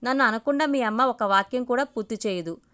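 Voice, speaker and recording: Playful dad in a storybook, joking at his wife, woman reads him, smooth higher voice. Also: fairly quick, a bit bright, natural voice. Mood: teasing. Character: teasing middle-aged father, good-humored.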